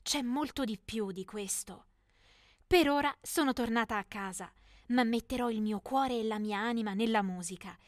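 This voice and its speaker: A woman's voice: on the high side, normal speed, no echo, clean studio sound. A young woman telling a dramatic first-person teen story in scripted narration.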